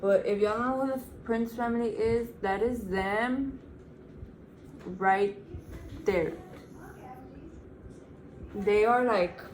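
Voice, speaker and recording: A young woman of nineteen talks slowly and easily in a relaxed Q&A vlog, often turning to the viewers as "guys". Her voice rings around an echoey room with a faint hum of ambience underneath. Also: on the high side. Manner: chatty, keeps addressing viewers as "guys". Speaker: vlog co-host. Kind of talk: casual Q&A vlog chat.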